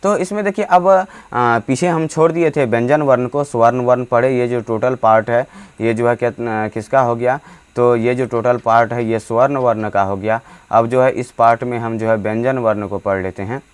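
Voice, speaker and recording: Male teacher explaining grammar for exam prep; halting delivery full of fillers, stretches vowels out to demonstrate them. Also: mid-range voice, fairly even intonation, clear, resonant tone. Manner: halting, many fillers and restarts. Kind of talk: hindi grammar lesson.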